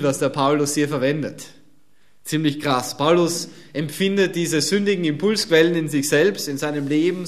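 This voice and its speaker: A man with a somewhat high voice preaches a sermon emphatically, pressing his listeners with one rhetorical question after another.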